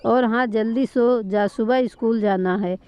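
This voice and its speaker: Anxious gentle young sister, read by a woman. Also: a little high, a little slow, clean tone, close to an everyday voice. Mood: worried. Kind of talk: storytelling read-aloud. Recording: dull lo-fi recording.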